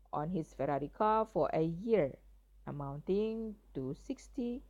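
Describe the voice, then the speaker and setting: Indonesian-accented woman reading news, crisp bright edge. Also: lowish voice, dull audio. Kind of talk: reading a news article aloud.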